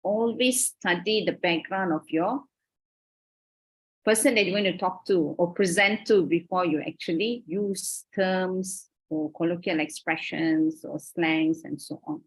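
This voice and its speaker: Her voice is lowish, measured and slightly rough, and the audio is poor. She is a Malaysian university lecturer delivering an online lecture by video call, working through her explanations carefully and regularly pausing for an "okay?"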